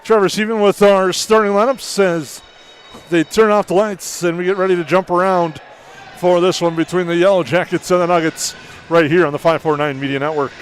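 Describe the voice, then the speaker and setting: A man's voice: high-pitched, steady tone, a little fast. A man working as a play-by-play broadcaster, giving live basketball commentary.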